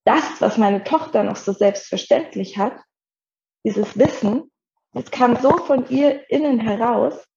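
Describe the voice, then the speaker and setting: A woman shares her own story in a soft, reflective way, stopping now and then to find the right words. Her voice has a steady, gravelly fry running through it. The recording sounds somewhat muffled and lo-fi. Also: on the high side, unhurried, a little hiss or hum. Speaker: guest. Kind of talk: personal storytelling in a podcast conversation.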